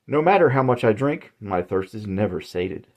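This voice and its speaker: A man's voice: lowish voice, animated, moderate pace, a little mellow. A man voicing an old male umbrella salesman who is polite and sinister, with courtly, folksy, old-fashioned phrasing. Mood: silky.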